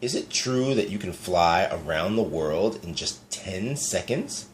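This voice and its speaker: A man's voice: low-pitched, animated, measured pace, a little hiss or hum. A man reading as a bold young princess. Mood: cheerful.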